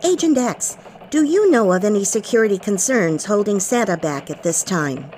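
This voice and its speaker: A woman playing a female elf news anchor in a mock radio newscast, with crisp anchor delivery. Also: mid-range voice, lively intonation, normal speed, darkish tone, slight background noise, natural voice. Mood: poised, formal.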